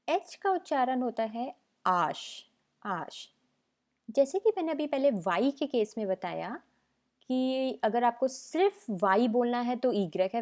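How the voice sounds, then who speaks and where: Woman, language tutor, slow careful delivery, mellow tone, repeats each sound. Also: on the high side. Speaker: French teacher. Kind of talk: slow language lesson narration.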